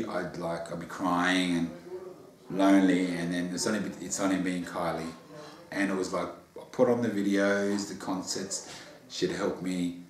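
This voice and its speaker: An Australian man being interviewed about his memoir, talking in a bubbly, earnest way with repeated words. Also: sits low. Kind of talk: casual interview chat. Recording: roomy echo.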